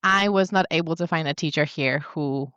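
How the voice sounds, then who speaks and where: A woman's voice: deep voice, normal speed, fairly bright tone, no echo, dull audio. A woman in her thirties, born in Poland and raised in England, answering interview questions as a guest in an open, reflective way. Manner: reflective, open storytelling with small laughs. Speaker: guest, yoga teacher and wellness coach. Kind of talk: interview answers, personal story.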